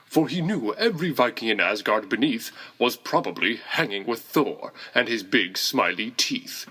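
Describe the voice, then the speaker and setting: Male storyteller, playful rhymed read, lively pitch, bright slightly husky tone. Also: moderate pace. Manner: playful, sing-song rhyming delivery.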